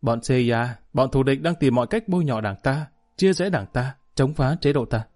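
A man's voice: mid-range voice, animated, normal speed, a little mellow, close to an everyday voice. A man reading the lines of an indignant, stern party official in an audiobook.

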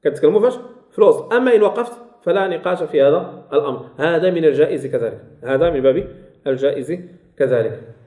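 A man with a Moroccan accent leads a classroom lesson on recitation rules, his voice pitched high for a man. He says key terms twice and keeps asking his listeners for answers. The room is echoey and roomy. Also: expressive, quick pace, mellow. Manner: repeats key phrases and quizzes listeners. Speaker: Quran recitation teacher.

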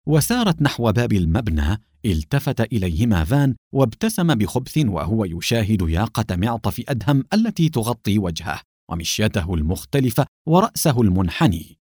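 A man narrating an audiobook novel in an expressive, dramatic manner. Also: lowish voice, a little fast, no room sound, studio quality. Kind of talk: scripted narration.

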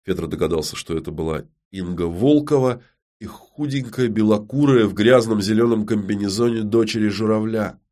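Deep-voiced male audiobook narrator. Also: moderate pace, warm tone. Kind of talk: scripted narration.

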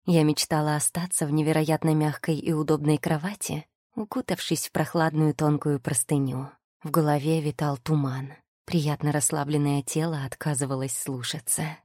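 A woman narrating a first-person audiobook in a soft, intimate storytelling manner. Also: deep voice, no echo, clean studio sound.

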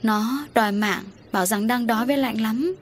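A woman voicing a scheming rich village wife who panics over ghosts, in a raised, shrill voice. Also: moderate pace, slight background noise, close to an everyday voice. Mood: frightened.

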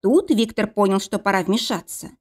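A woman narrating a novel chapter in steady scripted storytelling. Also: medium pitch, normal speed. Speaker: audiobook narrator.

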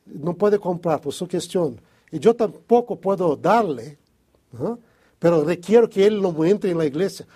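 Husky man with a tinged Spanish. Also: high voice, lively intonation, measured pace, warm tone. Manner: hesitant, restarts often, thinks aloud. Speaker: Bible study co-host. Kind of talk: casual religious discussion.

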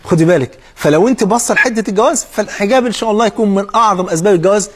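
A man's voice: high voice, very fast, noisy background. A man preaching a sermon with an Egyptian accent. He asks his listener questions directly.

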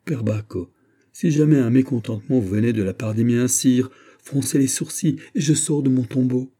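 A man's voice: fairly low pitch, moderate pace, dark tone, breathy edge. Man voicing a dying, fawning old cardinal. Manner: fawning, pleading, theatrical.

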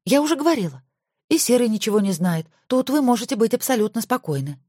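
A woman voicing a sly young woman dancer in an audiobook, coaxing and breathy. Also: a little high, sing-song, fast talker, dark tone, no room sound, studio quality, pitched above the performer's own voice.

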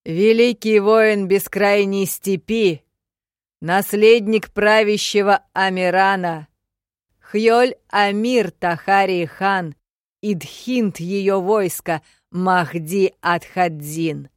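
A woman voicing a proud, wild barbarian warrior prince who bellows his titles slowly in an audiobook, in a dry recording. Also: mid-range voice, fairly even intonation, clean tone, dry recording, pitched above the performer's own voice, natural voice. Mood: proud roaring. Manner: bellowing slow proclamation.

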